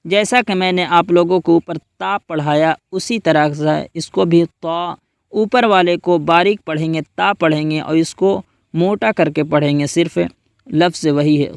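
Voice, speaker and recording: A man leads a step-by-step reading lesson and spells out each letter slowly so learners can repeat it. His voice is high and smooth. The recording is close and dry, with no room sound. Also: no room sound. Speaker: Quran reading teacher.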